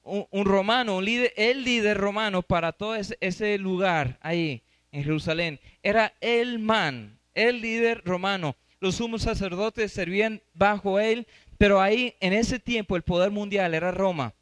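A man's voice: high voice, moderate pace, a bit bright, dry recording. A man preaching and teaching from scripture. He reads passages aloud and stops to quiz his listeners. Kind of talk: Bible teaching.

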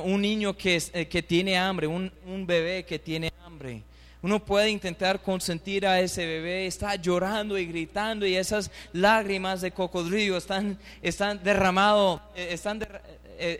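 High-voiced fervent male preacher. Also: fairly even intonation, normal speed, in a large hall. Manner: fervent, climbs to loud, high emphatic bursts; reads scripture aloud and calls for the congregation to repeat. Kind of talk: sermon.

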